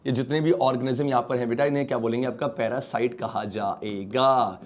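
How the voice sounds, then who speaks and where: A man's voice: mid-range voice, fairly even intonation, fairly quick. An Indian man teaching an online science class, coaxing his students with questions and mixing English terms into his speech. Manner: coaxing, calls students beta and bachcha, mixes English terms; asks questions and answers for the students.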